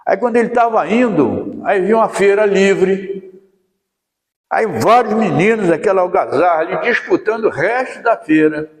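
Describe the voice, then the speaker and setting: A man's voice: sits high, animated, moderate pace. A man with a Brazilian accent giving a folksy storytelling lecture at a spiritist center, full of tag questions. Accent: Brazilian Portuguese. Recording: echoey hall with long reverb.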